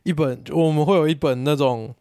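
A young man with a Taiwanese Mandarin accent talks quickly and bluntly in a high voice. The recording is dry and close. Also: fairly even intonation, a little mellow, no room sound. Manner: blunt, swears casually. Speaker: podcast co-host. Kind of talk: casual chat.

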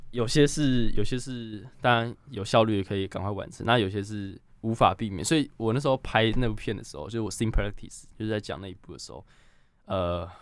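A young man in his twenties with a Taiwanese Mandarin accent, a guest director telling stories in a halting way, repeating words and laughing as he goes. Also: lowish voice, clean tone, dry recording. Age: 20s. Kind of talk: casual podcast storytelling.

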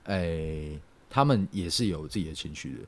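A young man, telling a personal story on a podcast in a halting, reflective way. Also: sits low, lively intonation. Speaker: podcast co-host. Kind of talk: casual podcast chat.

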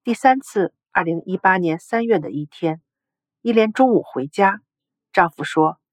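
A woman narrating a story article in a steady, even storytelling read. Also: on the low side, normal speed, dry recording.

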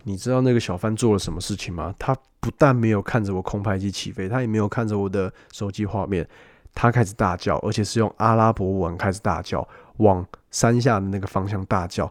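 A man's voice: fairly low pitch, fast talker, no echo, clean studio sound. Chatty storyteller man. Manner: animated, chatty, addresses the listener directly. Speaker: podcast host. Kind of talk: storytelling travel podcast.

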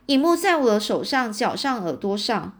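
Brief: cocky young boy, read by a woman, proud and impatient, pitched up. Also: sing-song, normal speed, a little mellow. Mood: defiant. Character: brash fearless young boy.

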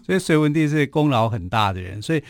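A man's voice: fairly high pitch, animated, fast talker, no room sound. A man with a Taiwanese Mandarin accent hosting a radio history show, telling stories casually with many filler particles, recorded in a studio. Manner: chatty, frequent filler particles.

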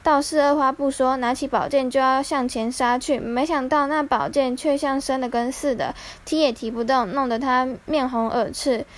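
A woman telling a classic folktale in a measured, dramatic scripted narration. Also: sits high, steady tone. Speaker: storyteller.

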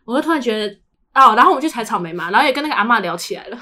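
Rapid-fire and lively in intonation, a young woman's slightly high, pushed and bright voice carries her casual podcast chat. She has a Taiwanese Mandarin accent and, as co-host, acts out dialogue while telling stories.

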